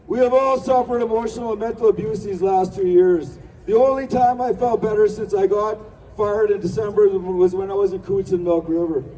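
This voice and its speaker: A man's voice: sits high, steady tone, normal speed, mellow. A man giving a declamatory rally speech as an activist, using rhetorical questions and repeated slogans to address a crowd. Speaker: activist speaker at a protest rally. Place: outdoors at a city rally. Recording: distant outdoor pickup with faint crowd noise. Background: faint crowd and urban ambience.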